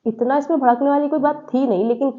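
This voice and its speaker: A woman giving a casual, animated recap of reality-show gossip and acting out the quotes as she goes. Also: high voice, fast talker. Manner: animated, acts out quoted lines. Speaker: TV gossip commentator. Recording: tinny phone-like audio.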